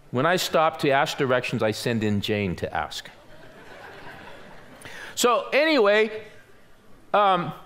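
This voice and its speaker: Male pastor in his sixties, sermon delivery, slightly high voice, folksy storyteller who acts out dialogue. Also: a bit bright. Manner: storytelling, acts out quoted voices, self-deprecating humor. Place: church sanctuary.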